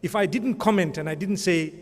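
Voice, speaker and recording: A man with a high voice speaks a little fast while presenting an award at a ceremony in a large conference hall, where a long reverb trails his words. His speech rambles conversationally and is frequently sprinkled with religious blessings.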